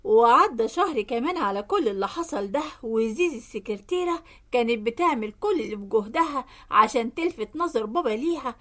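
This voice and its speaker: An Egyptian woman narrates a dramatic story in a steady, plain way. Her voice is high. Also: fairly quick. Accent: Egyptian Arabic.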